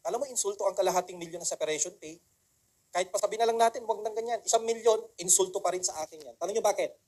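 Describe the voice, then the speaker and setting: Racing along in a high-pitched, darkish voice, a man gives a motivational seminar talk, rhetorical and coaxing, with repeated key phrases and requests for agreement. This motivational speaker slips English phrases in as he goes.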